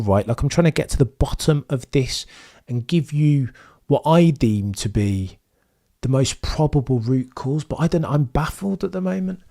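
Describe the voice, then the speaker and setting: With a fairly high, darkish voice and some vocal fry, a young Formula 1 streamer commentates and reads chat while losing his voice. He rambles with firm opinions, peppering his talk with "right?"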